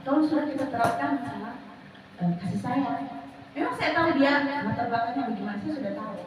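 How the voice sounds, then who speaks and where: A woman's voice: fairly high pitch, fast talker, slight background noise. A woman teacher telling a problem from her class in an earnest, hesitant way, with many restarts. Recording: echoey room, far from the mic, crowd behind.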